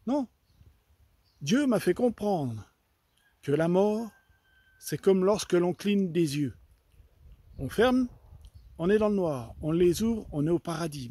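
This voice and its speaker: A man giving an earnest personal faith testimony, halting and often repeating himself as he retells conversations in his own voice. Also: sits high, lively intonation, mellow, husky. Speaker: church member giving a testimony.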